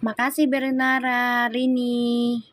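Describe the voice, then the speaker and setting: A woman's voice: a little high, completely flat delivery, takes it slowly. A woman tarot reader chatting on a live stream, effusive and full of exclamations of praise. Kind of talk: casual live-stream chat.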